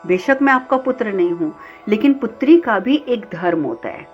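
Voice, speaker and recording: Woman storyteller as a resolute young goddess princess, devout and steady, middle-pitched, dull lo-fi sound, soft sitar underneath. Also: moderate pace, natural voice. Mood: firm devotion. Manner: resolute, pleading with her father. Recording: slightly dull, faint sitar music.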